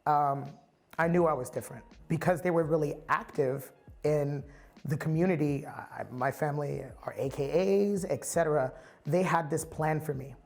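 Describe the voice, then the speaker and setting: A man's voice: fairly high pitch, normal speed, gravelly, faint music behind. A man from the Bay Area giving a candid, reflective personal testimony as a storyteller. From San Francisco Bay Area.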